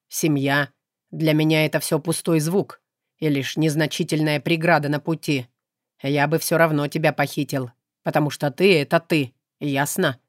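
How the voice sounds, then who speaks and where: A woman voicing a calm, aloof male demon in an audiobook, speaking in an unhurried, detached way. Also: low-pitched, no echo, clean studio sound, natural voice. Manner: unhurried, detached, flat delivery. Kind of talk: audiobook character reading.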